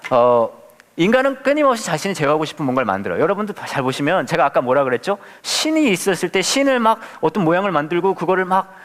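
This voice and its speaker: A pastor leads a casual Bible study in a large hall, talking fast in a fairly high, sing-song voice. Playful throughout, he asks the audience many questions and acts out quotes with humor.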